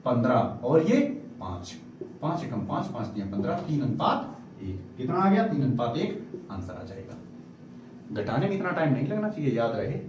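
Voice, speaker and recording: A man's voice: medium pitch, big pitch swings, a little fast. A man teaching a maths lesson to a class, coaxing students to read the questions aloud and checking their answers. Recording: echoey room from far off, faint noise.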